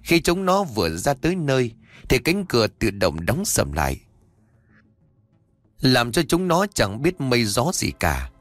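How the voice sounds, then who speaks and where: A man narrating a Vietnamese horror story in a steady, expressive storytelling voice. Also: medium pitch, a little slow, no echo. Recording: faint background music.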